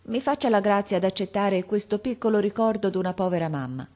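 A woman's voice: medium pitch, fairly quick, darkish tone, voice pushed up, close to an everyday voice. A woman voicing a poor, humble mother who timidly and anxiously presses small gifts on a boy, reading from an old children's storybook. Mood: pleading. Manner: timid, pleading, eager to please.

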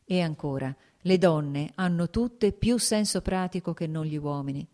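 A woman reading the lines of a married, worldly male officer who talks his friend round, in a measured, persuasive way. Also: lowish voice, mellow, lightly acted.

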